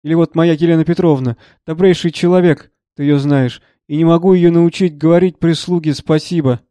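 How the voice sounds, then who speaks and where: A man reading the part of a troubled, gentle elderly professor who speaks earnestly and with agitation. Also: a little high, steady tone, a little fast, no room sound, studio quality, natural voice.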